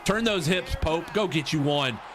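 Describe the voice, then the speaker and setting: Amid a loud crowd and lots of noise, a livestreamer in his thirties talks casually with viewers and reacts to the football game he's playing, often saying things twice. His voice is a little high, with lively intonation at a normal speed.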